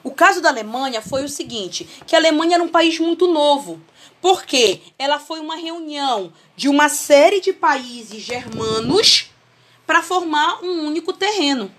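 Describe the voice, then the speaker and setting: A woman with a Brazilian accent leads an online history lesson, her voice sitting high. She explains through everyday family comparisons and keeps checking in with her students. The sound comes through a video call. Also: expressive, moderate pace, a bit bright, a little hiss or hum. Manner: homely family analogies, checks in with students often. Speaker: history teacher.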